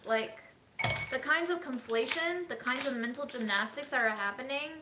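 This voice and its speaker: A woman's voice: high-pitched, normal speed. A woman born in China talks earnestly and outspokenly in a casual cooking vlog from her home kitchen. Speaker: cooking vlogger. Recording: echoey room with faint noise.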